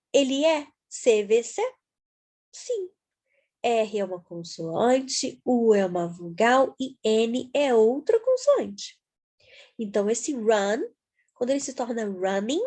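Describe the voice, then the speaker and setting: A woman teaching an English lesson, her somewhat high voice rising and falling freely. She spells words out letter by letter in a slightly breathy tone, taking her time. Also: warm tone. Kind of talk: explaining grammar to viewers.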